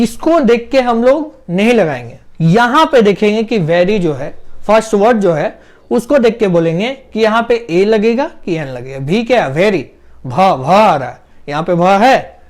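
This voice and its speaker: A man teaching an English grammar lesson step by step, asking questions and answering them himself. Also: sits high. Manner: explains step by step, asks and answers his own questions; drags out vowel sounds when demonstrating pronunciation. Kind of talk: classroom-style grammar lesson.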